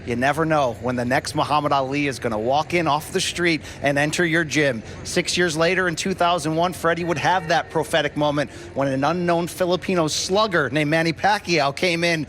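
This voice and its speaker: A man's voice: on the high side, fairly even intonation, fairly quick, hardly any pauses, fairly bright tone, a little hiss or hum. A man giving a prepared storytelling sports report on location, with dramatic, polished phrasing. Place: inside a boxing gym.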